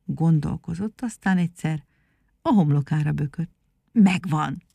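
A woman's voice: on the low side, dry recording, studio quality. Woman reading a storybook aloud. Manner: calm, measured storytelling.

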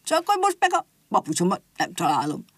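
A woman's voice: mid-range voice, huge pitch swings, a bit bright, dry recording. Lady doing a cranky old grandpa bunny, mutters and grumbles, storybook voice. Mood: grumbling. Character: old grumbling grandpa rabbit, forgetful, gruff.

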